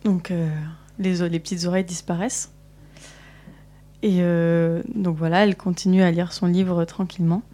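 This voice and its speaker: A woman's voice: lowish voice, level tone, moderate pace, warm tone. A woman telling a story on live radio, hesitant with many fillers.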